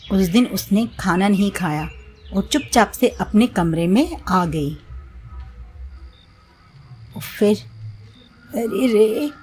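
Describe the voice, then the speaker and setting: A woman's voice: medium pitch, a little mellow, slight background noise. A woman narrating a bedtime moral story in a plain, simple storytelling manner.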